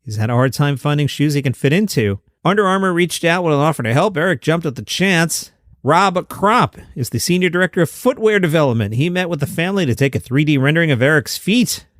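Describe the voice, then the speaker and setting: A man's voice: fairly high pitch, expressive, a little fast, fairly bright tone, dry recording, studio quality. A man hosting a good news roundup, reading stories with chatty, jokey asides. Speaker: host.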